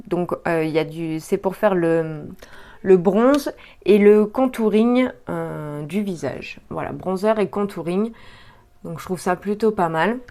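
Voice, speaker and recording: A woman talks her viewers through an unboxing in a casual, chatty way. She often hesitates and fills pauses as she goes, in an easy vlog tone. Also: fairly low pitch, a little mellow. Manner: chatty, hesitant, many fillers. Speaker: beauty vlogger.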